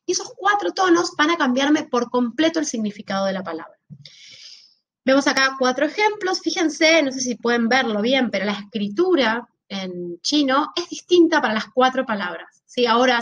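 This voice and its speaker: A female teacher gives a recorded lecture, explaining things step by step and checking in with listeners through frequent rhetorical questions. Her voice sits high and is a bit bright.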